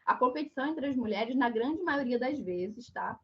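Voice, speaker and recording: Hoarse, duck-voiced Brazilian woman lecturing. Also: high voice, expressive, moderate pace. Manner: didactic, frequent check-in tags. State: hoarse from flu, duck-like croaky voice. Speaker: lecturer giving a talk. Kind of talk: online lecture on social issues. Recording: dull, muffled online call audio.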